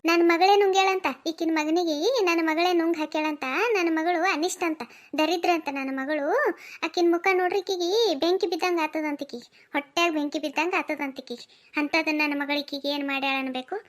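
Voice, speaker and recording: A woman's voice: very high voice, steady tone, moderate pace. A woman voicing an angry, protective middle-aged mother in a cartoon, scolding with a North Karnataka accent and repeating her jabs. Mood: furious scolding. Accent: North Karnataka Kannada. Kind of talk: cartoon voice acting.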